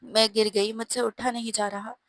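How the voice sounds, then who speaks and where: A woman voicing an innocent, playful young woman in a storybook who speaks in a halting, guileless way. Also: fairly high pitch, level tone, a bit bright, no echo. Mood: pained.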